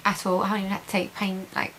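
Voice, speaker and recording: A woman's voice: mid-range voice, level tone, racing, bright, forceful tone, poor audio. Woman chatting casually over faint hiss. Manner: chatty, repeats intensifiers, positive and reassured. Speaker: patient giving a video diary update. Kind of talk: casual chat to camera. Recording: hissy home recording.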